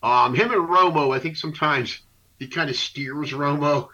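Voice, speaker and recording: A man co-hosting a radio show, ranting casually about sports in an animated, indignant, rambling way. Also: on the high side, moderate pace. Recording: dull lo-fi internet radio.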